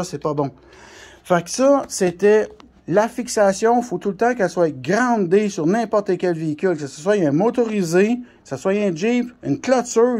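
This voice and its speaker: Speaking in a fairly high, slightly mellow voice, a Québécois-accented CB radio shop specialist runs a casual, hands-on product tutorial. He improvises and keeps it blunt, colloquial, and a little crude.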